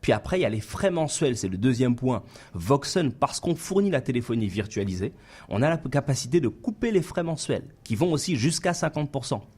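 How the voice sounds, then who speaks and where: A man's voice: medium pitch, sing-song, a little fast, a little mellow, slightly rough. A man who founded a company, a guest on a radio interview, explaining step by step in numbered points in a radio studio.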